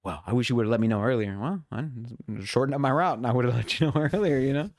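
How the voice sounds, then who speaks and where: A podcast co-host with a mid-range voice talks fast, recorded in studio quality with no room sound. In casual chat he tells long, rambling stories about his work week, quoting and mimicking his coworkers.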